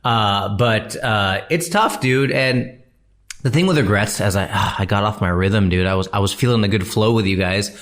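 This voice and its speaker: A man's voice: on the low side, normal speed, fairly bright tone. A man in his thirties hosting a podcast, talking casually and answering a listener in a chatty, slangy way. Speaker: podcast host and comedian.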